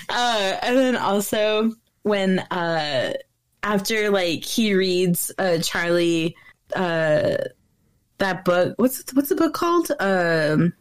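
A woman's voice: mid-range voice, animated, drawn-out words, long pauses. A young woman co-hosting a podcast, giggling as she retells favorite movie scenes and swearing now and then. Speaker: podcast co-host. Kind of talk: casual chat about a movie.

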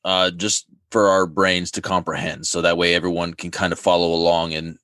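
Deep-voiced man, casual sports co-host. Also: level tone, a bit bright, no echo. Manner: easygoing, halting, with frequent fillers.

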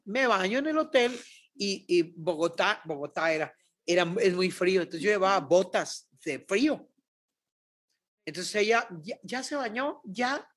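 A middle-aged Mexican woman, a guest prophet, telling a lively faith story on a podcast and acting out the dialogue. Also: lowish voice, moderate pace. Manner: animated, acts out dialogue.

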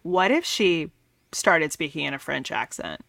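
A woman with a slightly low but very lively voice chats as a podcast guest, gasping and laughing freely. Her mic sounds dry and close. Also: a little slow, vocal fry, no echo. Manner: animated, gasping, laughing often. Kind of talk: casual podcast chat.

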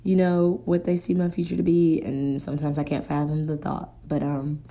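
A woman's voice: low-pitched, completely flat delivery, normal speed, dark tone. A young woman, hosting a solo podcast in a rambling, casual stream of consciousness, often hunting for words. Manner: rambling, searching for words, filler-heavy. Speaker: podcast host.

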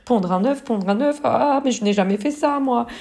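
A woman voicing a small, brave young hen in a storybook reading, with high, excited squeals. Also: moderate pace, vocal fry. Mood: flustered.

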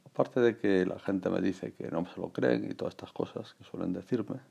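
Older guy rambling on his podcast, super gravelly, kinda husky. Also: low-pitched, normal speed, dark tone, dull audio. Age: around 60. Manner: rambling, reflective, many fillers and restarts. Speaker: podcast host. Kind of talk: casual personal monologue.

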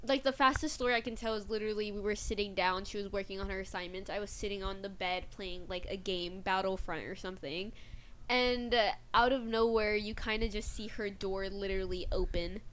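A woman's voice: mid-range voice, steady tone, fairly quick, fairly bright tone. A young woman, a guest, telling a personal story in casual chat, rambling with many fillers.

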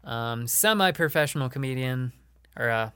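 A man's voice: mid-range voice, lively intonation, moderate pace, bright, forceful tone, smooth, dry recording, studio quality. A man chatting casually as a podcast guest, rambling with lots of fillers and frequent laughs. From Illinois. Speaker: podcast guest, comedian and show producer.

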